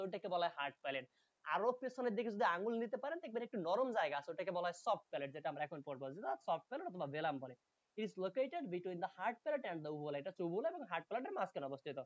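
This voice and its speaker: A man teaching linguistics in an online class. He explains patiently, reads English textbook lines slowly and checks often that students follow. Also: sits high, no room sound, dull audio. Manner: explains patiently, checks understanding with frequent "okay?".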